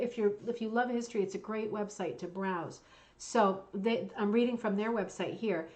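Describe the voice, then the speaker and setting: A woman's voice: mid-range voice, darkish tone. Female bingo-caller host, mid-range voice, casual and enthusiastic, gushing between read-aloud passages and asides. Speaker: host of a hooked rug bingo show.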